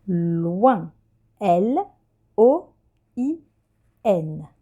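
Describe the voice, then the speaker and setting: A woman teacher, giving a patient, clear dictation lesson to young children and spelling letters one by one. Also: lowish voice, lively intonation, very slow, warm tone, lo-fi sound. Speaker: primary school teacher.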